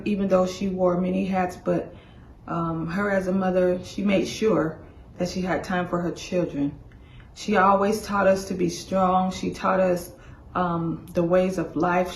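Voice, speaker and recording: A woman, a daughter, giving a personal memorial tribute, pausing often with ums and uhs. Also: lowish voice, darkish tone, slight background noise. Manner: hesitant, frequent ums and uhs. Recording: roomy echo.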